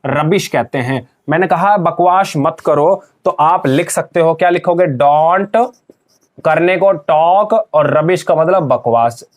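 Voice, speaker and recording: A man with a notably high voice leads an English grammar lesson for students. He drills them as he goes, asking a question and answering it again and again.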